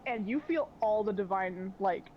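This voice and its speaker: A woman's voice: medium pitch, lively intonation, moderate pace, highs cut off, slight background noise. Casual woman game master. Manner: casual, chatty, filler-heavy. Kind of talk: narrating a tabletop game.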